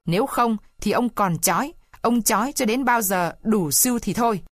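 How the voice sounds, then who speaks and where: A woman's voice: mid-range voice, lively intonation, fairly quick, no room sound, clean studio sound, lightly acted. A woman reading a bullying male village chief. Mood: harsh. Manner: snapping, threatening. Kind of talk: storybook reading.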